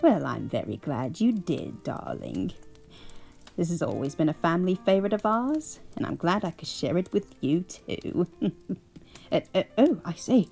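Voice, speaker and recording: Here the grandmother character comes through a lowish, creaky, mellow sing-song voice at normal speed, with soft background music. A woman plays this kindly elderly English lady in a put-on accent, reading a cozy bedtime story and fussing fondly, with chuckles, over her grandchild.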